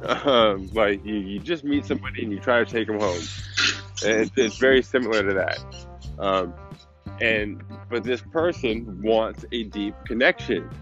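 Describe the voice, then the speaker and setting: A man's voice: fairly low pitch, moderate pace, fairly bright tone. A man giving a casual, off-the-cuff podcast monologue, conversational and often checking in with the listener. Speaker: podcast host and business coach. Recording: dull lo-fi sound, faint music behind.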